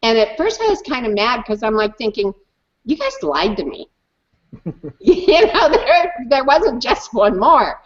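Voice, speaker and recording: A woman's voice: on the high side, a little slow, muffled recording. Woman telling an emphatic personal story. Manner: emphatic, animated storyteller, repeats words. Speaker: guest. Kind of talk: personal story in an online hangout.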